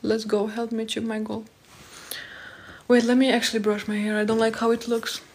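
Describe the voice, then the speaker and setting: A woman's voice: fairly high pitch, level tone, fairly quick, slightly rough. Young Moldovan-accented woman, native Romanian speaker, live-stream host reading comments aloud; casual and friendly, close phone mic in a small home room. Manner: reads viewer comments aloud and answers them, friendly and chatty. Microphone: phone held close at arm's length.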